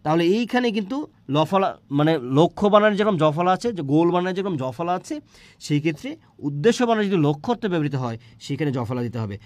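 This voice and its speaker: A man teaches spelling rules, and he talks very fast. His voice sits a little high, and he keeps asking and answering his own questions. The sound is dry and close. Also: animated, a little mellow, dry recording. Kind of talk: spelling lesson for exam prep.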